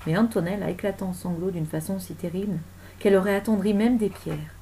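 A woman reading a story aloud as narrator, dramatic and expressive. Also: mid-range voice, brisk, a little hiss or hum.

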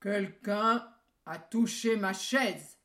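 A huge gruff papa bear from a storybook, as a woman puts him on, bellowing slowly and loudly in a big booming voice. The words are drawn out, heavy and deliberate. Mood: indignant. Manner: slow, loud bellowing.

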